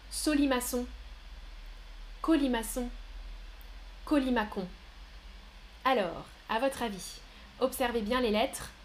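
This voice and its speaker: A woman teaching a live online French lesson, speaking slowly and clearly, praising students and reading their chat replies aloud. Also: on the high side, slight background noise. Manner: slow, clear, encouraging, reads chat names aloud.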